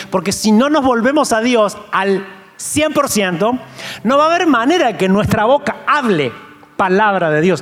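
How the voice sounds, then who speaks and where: High-voiced Argentine preacher in a reverberant church. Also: male voice. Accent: Argentine Spanish. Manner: emphatic, pleading rhetorical questions. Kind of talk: sermon. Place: church sanctuary. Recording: long church reverb, faint music.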